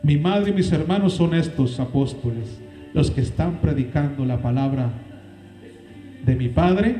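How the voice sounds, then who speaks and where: Male pastor, high mellow voice, slow preaching delivery, soft music underneath. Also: animated, reverberant, rough recording. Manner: preaching with dramatic swings in pitch and loudness. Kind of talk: sermon. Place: church.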